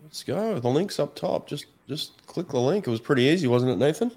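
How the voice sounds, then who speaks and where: A man's voice: a little high, lively intonation, a little fast, darkish tone. A man hosting a casual live stream, chatting with callers in an upbeat, laid-back way. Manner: laid-back, upbeat, calls guests champ and mate. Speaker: host.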